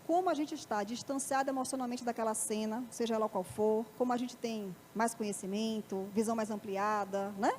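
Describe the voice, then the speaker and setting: High-voiced Brazilian woman lecturing. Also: darkish tone, a little hiss or hum. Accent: Brazilian Portuguese. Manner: asks the audience frequent rhetorical questions. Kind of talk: live motivational talk. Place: parish auditorium.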